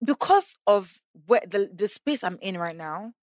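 A woman in her 20s, guesting on a podcast, keeps a measured pace in her medium-pitched voice during casual conversation. She's animated and acts out the voices she quotes, in a dry, studio-quality recording.

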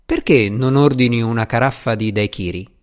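A man's voice: medium pitch, normal speed, close to an everyday voice. A man voicing a gracious, affectionate middle-aged duchess in an audiobook reading.

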